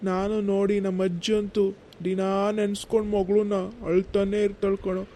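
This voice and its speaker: Guy doing a high-voiced old village granddad, rambling and sad, faint hiss. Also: completely flat delivery, normal speed, warm tone, natural voice. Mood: sorrowful. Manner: folksy, rambling village talk.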